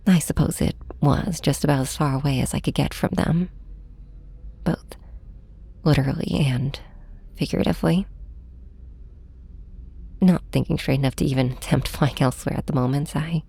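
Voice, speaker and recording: With a low-sitting, heavily acted voice, a woman portrays a heartbroken young flying superhero who both confides in and snaps at her nemesis. The piece is first-person audio drama narration mixed with ASMR, intimate in feel. She speaks softly and breathily, haltingly and hesitantly in a hush, her mood hurt and subdued.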